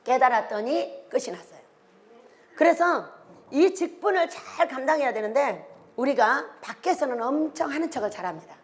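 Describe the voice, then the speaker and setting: An older woman preaching a sermon, animated and exclaiming, firing questions at her congregation. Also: high-pitched, normal speed.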